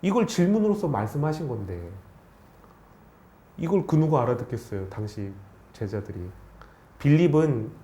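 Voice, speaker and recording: A man preaching a sermon as pastor, animated, asking rhetorical questions of the congregation. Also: on the high side, moderate pace, pauses often. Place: church sanctuary. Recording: echoey church hall.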